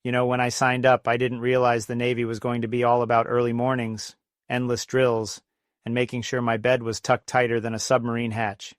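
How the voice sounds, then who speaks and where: Middle-aged male storyteller, mid-pitched and level, telling corny dad jokes in a scripted monologue, dry recording. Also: completely flat delivery, a little fast, hardly any pauses, smooth, dry recording. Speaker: comedy storyteller and host.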